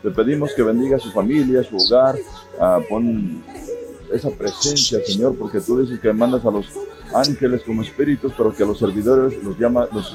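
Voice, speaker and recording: A man's voice: fairly low pitch, low-quality recording. Man praying fervently over music. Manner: fervent, repeats phrases. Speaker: prayer leader. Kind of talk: spoken prayer.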